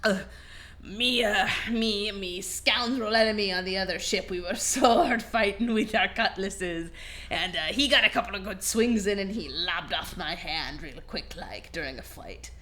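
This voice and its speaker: A woman's voice: medium pitch, unhurried, fairly bright tone, close to an everyday voice. A woman voicing an old male pirate in a joke, using pirate talk like "me" for "my". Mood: gruff storytelling.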